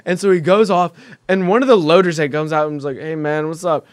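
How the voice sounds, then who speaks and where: A young man in his twenties spins an animated anecdote, slipping into quoted voices. His pitch is a touch high and the sound is dry and close-miked. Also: quick pace, no room sound. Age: 20s. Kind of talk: casual storytelling.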